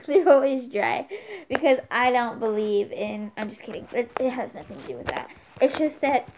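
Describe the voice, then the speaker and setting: A woman's voice: high-pitched, background noise. A young woman chatting casually on her vlog, rambling playfully and jumping from topic to topic. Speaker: YouTuber.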